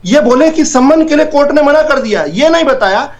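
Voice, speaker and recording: A man's voice: extremely high pitch, lively intonation, fairly quick. A man arguing sarcastically as a panelist in a heated TV news debate. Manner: sarcastic, combative.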